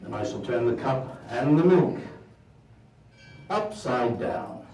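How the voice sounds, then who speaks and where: A man's voice: on the low side, lightly acted. A man playing a jolly, bumbling Christmas wizard doing stage magic for a live audience, theatrical and chuckling. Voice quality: theatrical, sing-song, chuckling. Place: stage in a hall. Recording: roomy hall, from far off.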